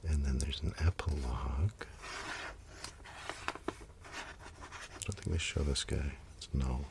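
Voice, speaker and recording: Very deep gravelly soft-spoken man. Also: steady tone, slow, very noisy. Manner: soft-spoken, half-whispered, musing asides. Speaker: ASMR creator. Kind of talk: soft-spoken ASMR comic reading. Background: pen and page sounds.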